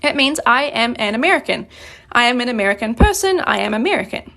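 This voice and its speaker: A woman from New Zealand teaching a live-streamed grammar lesson, explaining patiently and clearly, slowing down on her examples. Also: on the high side, big pitch swings, a bit bright. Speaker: Korean language teacher.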